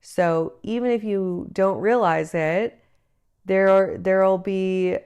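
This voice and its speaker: A woman in her thirties hosts a solo advice podcast, speaking earnestly and encouragingly. Her voice is lowish, a little mellow and clean, though she sounds slightly congested from a cold. She's recording on a travel microphone instead of her usual one.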